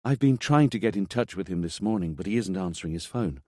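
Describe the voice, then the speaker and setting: A man voicing a sharp, sarcastic female TV journalist with a dry manner. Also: low voice, lively intonation, quick pace, no room sound.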